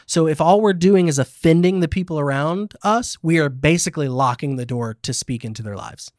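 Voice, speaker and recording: A man's voice: fairly high pitch, brisk, a little mellow, dry recording, clean studio sound. A man hosting a casual faith podcast, talking emphatically with fillers and restarts. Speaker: podcast host.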